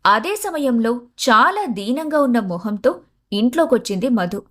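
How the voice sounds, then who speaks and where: Woman narrator, expressive scripted story reading, a bit high. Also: a little slow.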